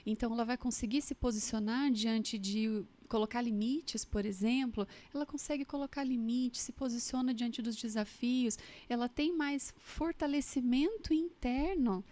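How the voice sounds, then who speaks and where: A woman's voice: fairly high pitch, warm tone. A woman with a Brazilian accent, a therapist guest, explaining things patiently in a casual podcast conversation. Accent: Brazilian Portuguese. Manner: explanatory, slows down on key points.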